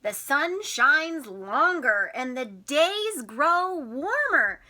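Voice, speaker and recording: Speaking extremely slowly in a high-sitting voice with big pitch swings, this teacher sounds bright and forceful. She reads a picture book to young children, keeping explanations simple, asking questions, and stressing key words expressively.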